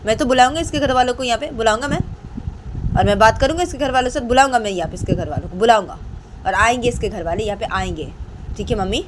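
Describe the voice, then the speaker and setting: A woman voicing a middle-aged father who firmly orders his family to be quiet. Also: a little high, expressive, fast talker, background noise, pitched above the performer's own voice, lightly acted. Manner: firm, commanding, repeats "theek hai". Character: stern middle-aged father defending daughter-in-law.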